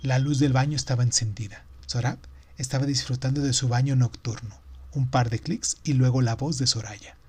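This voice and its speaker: A man reading a novel aloud in steady, measured audiobook narration. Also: medium pitch, husky.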